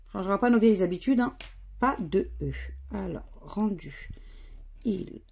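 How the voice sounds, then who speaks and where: A woman casually commenting as she scratches lottery tickets, reading out letters and words in a slow murmur that often drops to near-whispers. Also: mid-range voice, gravelly, warm tone, slightly rough. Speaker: scratch-card vlogger.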